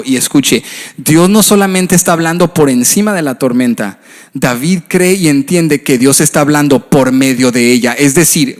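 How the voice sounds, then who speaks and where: A man, a pastor, preaching a sermon with an impassioned, rhythmic, chanting cadence. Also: a little high. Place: church sanctuary. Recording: long reverb of a church hall.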